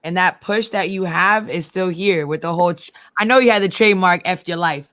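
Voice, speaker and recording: A woman from Queens, New York, with a Queens accent, hosting a casual, slangy interview in an animated, effusive street-talk manner. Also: fairly low pitch, a little fast, no echo. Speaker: interview co-host.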